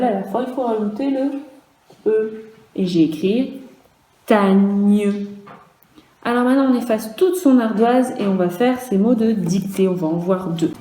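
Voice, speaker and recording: A woman teaching young children a dictation lesson, speaking slowly and carefully, spelling out letters one by one and repeating each word. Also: medium pitch, warm tone, echoey room, slight background noise, low-quality recording. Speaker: primary school teacher.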